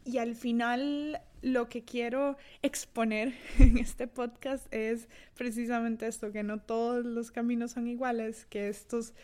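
A young adult woman from Costa Rica, speaking with a Costa Rican Spanish accent, hosts her own podcast in a casual solo monologue. Her voice is fairly high with a darkish tone, and her reflective, self-deprecating talk is full of fillers and restarts.

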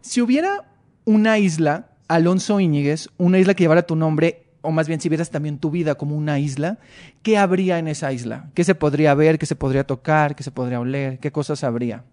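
A male podcast host with a fairly high voice. He talks in a chatty, emotional way, restarting sentences as he goes. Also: a little fast, a little mellow. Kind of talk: casual interview.

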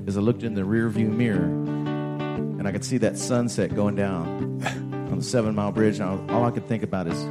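A man who is a musician guest on a radio show, relaxed and jokey, telling the story behind his song. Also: fairly low pitch, a little fast. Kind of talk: laid-back storytelling before a song. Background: guitar.

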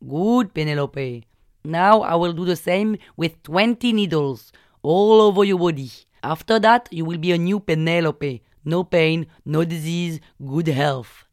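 A woman voicing a calm, insistent male acupuncture healer who speaks slowly and solemnly, repeating his warnings. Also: on the low side, no room sound, clean studio sound. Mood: soothing.

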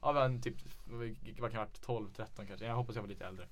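A young man hosting a podcast in a casual chat, telling stories laid-back and swearing freely. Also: lowish voice. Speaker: podcast host.

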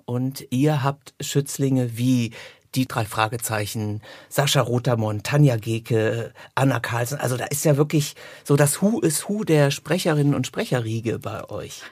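Recording on a close studio mic in Hamburg, a man hosts an informal, enthusiastic interview podcast about audiobooks. His mid-range voice is slightly rough, and there's no echo.

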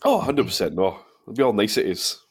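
A man's voice: lowish voice, big pitch swings, husky. A Scottish man in his thirties hosting a casual football podcast, bantering and reading out listener questions. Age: 30s. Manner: bantering, quick laugh, reads listener questions. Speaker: podcast host.

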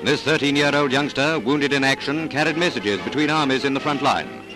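A man's voice: mid-range voice, brisk, rough recording. A man giving a stirring, upbeat 1940s newsreel narration, played from an old newsreel soundtrack. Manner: stirring, upbeat announcer delivery. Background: music.

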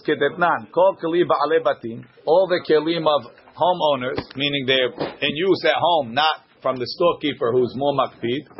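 A man's voice: a little high, lo-fi sound, a little hiss or hum. A man giving an informal Talmud lesson as a teacher, reading phrases aloud and explaining them in short glosses.

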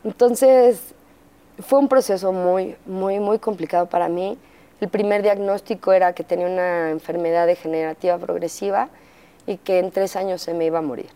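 A Mexican woman speaks openly as an interview guest, recounting her life in a candid, conversational way. Her voice is mellow and warm, and she slips in fillers while she acts out what others said. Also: fairly low pitch, steady tone, moderate pace, smooth. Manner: candid storytelling, acting out quoted dialogue, frequent fillers. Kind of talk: personal testimony in conversation.

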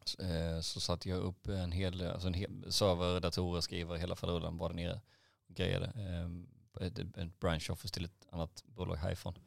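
Man in his forties, very deep voice, gravelly, dry close sound, rambling anecdotes, swears a lot. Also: monotone, few pauses, no echo. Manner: rambling, hesitant fillers, frequent swearing. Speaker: podcast co-host, IT technician. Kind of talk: casual anecdote telling.

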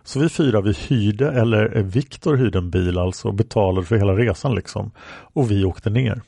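A man's voice: fairly low pitch, vocal fry, mellow, no echo. A man plainly reading aloud a police interrogation record.

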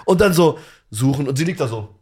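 Man, podcast host, rapid-fire talk, slangy, animated, casual chat. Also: on the high side, husky. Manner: slangy, animated storytelling with laughs.

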